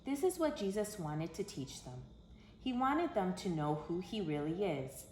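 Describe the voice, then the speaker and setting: A woman with a lowish, slightly mellow voice reads a children's picture book, her pitch swinging widely at a measured pace. As a storyteller for kids, she uses dramatic, emphatic phrasing; the room is echoey with faint background noise.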